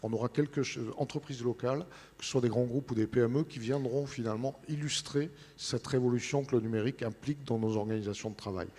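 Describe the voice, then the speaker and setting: A man presents an events programme as an interview guest, informally and haltingly, searching for words. His medium-pitched voice carries the long reverb of a large hall. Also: darkish tone. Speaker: interview guest representing a newspaper. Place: large studio set in a big hall.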